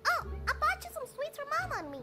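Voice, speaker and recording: A woman's voice: very high-pitched, wildly swooping pitch, fast, exaggerated voice. A woman voicing a cheerful little filly who talks in a chirpy, fussy way. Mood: innocent. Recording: voice with music behind it.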